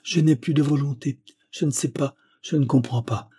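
A man's voice: mid-range voice, steady tone, moderate pace, mellow, husky, voice pushed up, close to an everyday voice. A man reading the lines of a young woman numbed by despair, speaking in a faint, broken murmur. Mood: distraught.

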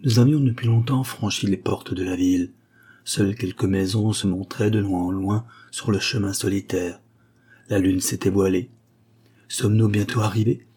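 A man narrating a literary story as an audiobook, in a measured, unhurried delivery. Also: low-pitched, fairly even intonation, warm tone, breathy edge. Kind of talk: audiobook reading.

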